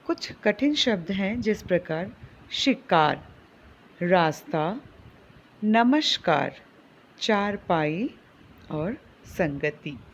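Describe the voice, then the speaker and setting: A woman teacher slowly reading and explaining a story to children. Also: dull audio, a little hiss or hum. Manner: slow and explanatory, with lively pitch.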